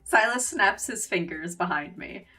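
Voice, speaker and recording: A woman's voice: mid-range voice, expressive, unhurried, pushed and bright, recorded from a distance, faint music behind. A woman streamer reading a game's story aloud, with casual joking asides. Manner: reads narration aloud, breaks into laughing asides. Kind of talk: game reading and reaction.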